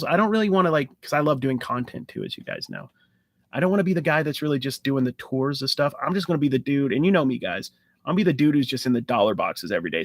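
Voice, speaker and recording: Eager about card hunting, a man hosting a sports card channel handles a casual live-stream Q&A in a loose, rambling style with fillers and restarts. His pitch is medium, and there is no room sound.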